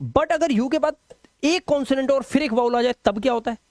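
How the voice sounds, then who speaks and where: A man with a fairly high voice and a Hindi accent teaches English pronunciation rules. He repeats example words slowly and keeps reassuring his students. The sound is close and dry. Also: a little mellow, no echo. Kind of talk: classroom lesson explaining rules.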